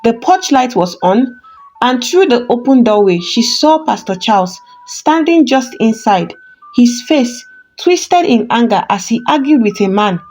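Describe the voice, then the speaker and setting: Woman storyteller, bright higher voice, measured dramatic narration over faint music. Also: low-quality recording. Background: soft background music.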